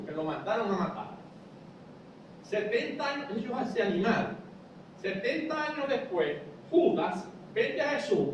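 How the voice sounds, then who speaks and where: A man's voice: high-pitched, very echoey, far from the mic, a little hiss or hum, rough recording. A male pastor preaching a sermon, explaining step by step with rhetorical questions and calling listeners brother. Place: church.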